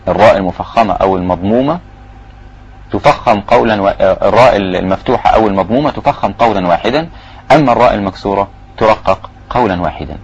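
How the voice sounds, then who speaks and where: A man with an Egyptian accent teaching Quran recitation, giving quick explanations broken by slow, drawn-out recited phrases. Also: lowish voice, slightly rough, dull audio. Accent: Egyptian Arabic. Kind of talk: recitation lesson.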